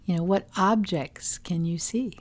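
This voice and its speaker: A woman with a fairly low, unhurried voice co-hosts a podcast from her home in Wisconsin. She explains design ideas in a chatty way, laughing easily and teasing her partner.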